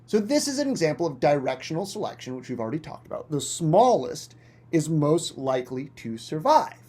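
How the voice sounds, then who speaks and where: A man's voice: a little high, very animated, a little fast, dark tone. A male teacher explaining a science concept through a dramatic, playful story full of sound effects. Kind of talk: animated storytelling lesson.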